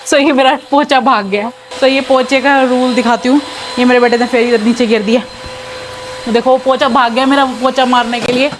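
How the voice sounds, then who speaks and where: Young mom vlogging chores, pretty high voice, chatty, phone cam at home w faint household hum. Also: female voice, fairly even intonation, normal speed. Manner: chatty, mixes English into Hindi, talks to her child between lines. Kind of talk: casual home vlog chat. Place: home, indoors, while cleaning floors.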